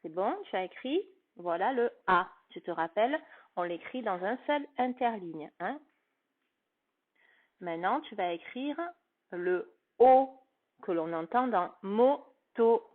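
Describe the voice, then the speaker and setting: Slow, patient woman teacher on a tinny line. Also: mid-range voice, lively intonation. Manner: slow, carefully articulated, patient, addressing a child. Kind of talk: phonics lesson for a young child. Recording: tinny phone-like sound.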